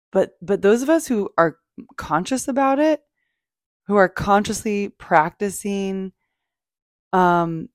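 Talking casually and off the cuff about self-help, a woman hosts her podcast in a gushing, emphatic, sweary manner. Her voice is lowish, and the clean studio sound has no echo.

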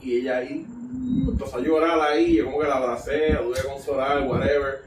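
A man with a Puerto Rican accent telling a story in casual chat, animated, laughing often, full of slang and curses. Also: mid-range voice, fairly quick. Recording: roomy distant mic with background noise.

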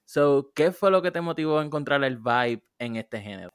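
A man's voice: medium pitch, expressive, normal speed, clean tone. A man hosting a casual interview, asking questions and backing his guest with short replies. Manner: friendly, affirming with short backchannels. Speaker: podcast host.

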